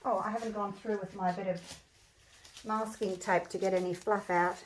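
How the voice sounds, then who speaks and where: A woman's voice: medium pitch, fairly even intonation, moderate pace, a little hiss or hum. An Australian woman hosts a craft tutorial in a casual, chatty way. Her mid-range voice is slightly muffled, as it comes from behind a mask. She thinks aloud as she works. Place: indoor craft table.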